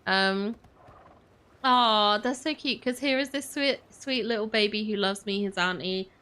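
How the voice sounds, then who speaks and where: Female gamer: casual commentary, mid-pitched, giggly, openly emotional. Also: a little slow, bright, forceful tone, clean tone.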